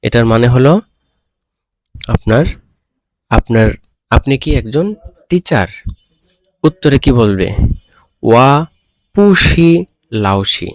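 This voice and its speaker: Slow, patient male language teacher. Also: mid-range voice, lively intonation, no room sound. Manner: patient, repeats and checks understanding. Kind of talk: classroom lesson explanation.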